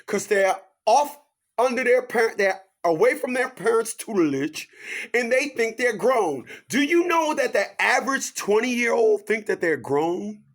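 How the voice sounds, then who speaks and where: Speaking with lively intonation and no rush, a man in his fifties lectures in a motivational, preachy style. He repeats his catchphrases, asks rhetorical questions, and shifts between loud, high-pitched bursts and hushed side comments.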